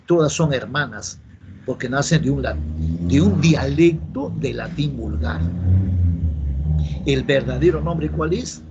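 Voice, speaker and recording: A man's voice: medium pitch, expressive, unhurried, pauses often. A man teaching a class, repeating key words and answering his own questions. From Peru. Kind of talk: classroom lecture. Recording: dull lo-fi classroom recording with faint noise.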